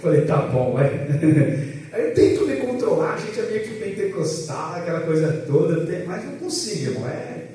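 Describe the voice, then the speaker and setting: Loud animated pastor teaching a class. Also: male voice, a little high, moderate pace. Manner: loud, animated, jokes with the class and asks them questions. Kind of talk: lively church class lecture. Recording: echoey room, voice from a distance.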